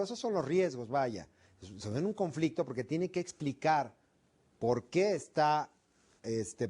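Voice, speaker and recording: A man's voice: medium pitch, mellow. A middle-aged man teaching a negotiation class, often asking questions and acting out example phrases. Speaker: instructor. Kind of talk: classroom lecture.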